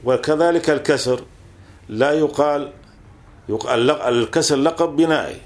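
A man's voice: fairly high pitch, normal speed. A man teaching a classical grammar text, explaining patiently and repeating points with fillers.

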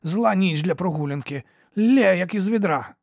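Wry male doctor, read by a man: brisk, coaxing, a touch higher. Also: lively intonation, creaky, darkish tone, no room sound, clean studio sound, exaggerated voice. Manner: coaxing, spelling things out simply.

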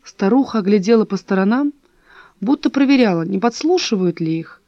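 A woman's voice: medium pitch, lively intonation, a little fast, dark tone, no room sound. A woman reading a story aloud as narrator, on a dull, dry recording. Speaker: audiobook reader. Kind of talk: scripted narration.

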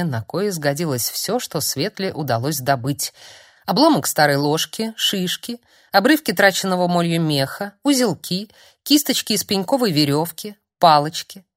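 A woman narrating a story in an expressive, even storytelling manner. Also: lowish voice, no room sound, studio quality. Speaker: audiobook narrator.

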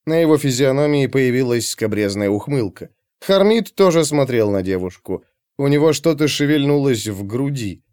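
A man narrating an audiobook in a scripted, expressive, dramatic storytelling manner. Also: mid-range voice, normal speed, smooth, no echo, clean studio sound.

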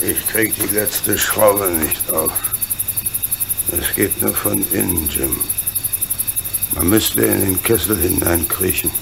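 A man's voice: low-pitched, slow pace, gravelly, pauses often, exaggerated voice. A man playing a burly, kindly, fatherly locomotive engineer in a German radio play, earnest and comradely in manner. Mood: grave, worried. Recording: noisy recording with cricket chirps behind. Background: chirping crickets, night ambience.

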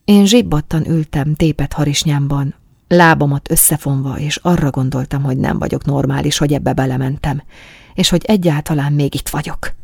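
A woman reading a first-person story aloud as an audiobook, in a calm, soft, intimate manner. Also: low voice, vocal fry, breathy edge, no room sound, clean studio sound. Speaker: audiobook narrator. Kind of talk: first-person scripted narration of an erotic story.

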